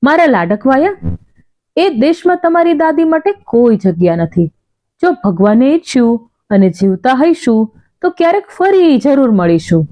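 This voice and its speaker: A woman's voice: high-pitched, very animated, normal speed, mellow. A woman narrator voicing a grieving elderly mother who pleads with her son in a trembling voice. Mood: tearful. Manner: pleading, heartbroken.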